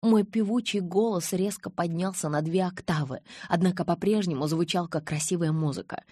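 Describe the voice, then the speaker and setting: Low-voiced woman reading an audiobook. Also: moderate pace, no room sound, studio quality. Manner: expressive, intense first-person telling. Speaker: audiobook narrator.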